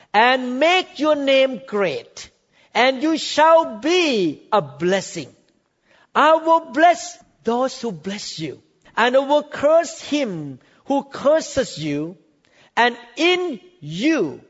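A man in his sixties, from Thailand, preaching a sermon with emphatic, drawn-out phrases and sudden rises in pitch. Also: fairly bright tone. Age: 60s. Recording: dull sound with long hall reverb.

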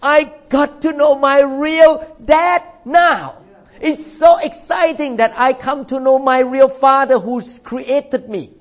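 Heard on a muffled recording, an older man from Thailand preaches in church with a very high voice and fairly even intonation. This pastor emphasizes key words by stretching them out.

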